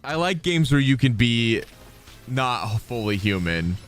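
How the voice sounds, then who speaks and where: A man streams a game and chats to his viewers in a loose, excitable, rambling way, his voice sitting at an ordinary middle pitch. Faint game music plays softly behind him. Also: measured pace. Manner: chatty, excitable, rambling asides. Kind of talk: casual gameplay chat with viewers.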